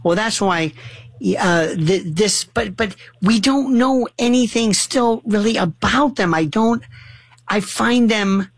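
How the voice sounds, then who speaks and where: A man hosting a casual talk-radio conversation, asking animated, probing questions and often restarting his sentences. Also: sits high, takes it slowly, dry recording.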